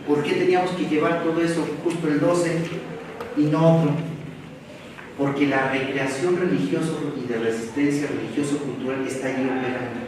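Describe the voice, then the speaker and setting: Animated Mexican man lecturing in an echoey room. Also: a little high, normal speed. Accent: Mexican Spanish. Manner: animated, rhetorical questions, colloquial asides. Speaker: seminar lecturer. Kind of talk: university seminar lecture. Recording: echoey room, far from the mic, faint noise.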